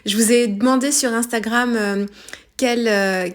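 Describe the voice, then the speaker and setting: A French-accented woman narrates her craft tutorial in a relaxed, chatty voice. She often pauses on fillers and corrects herself mid-sentence. Her voice sits a little high for a woman. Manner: hesitant, many fillers and self-corrections. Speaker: scrapbooking tutorial host. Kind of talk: casual craft tutorial voice-over.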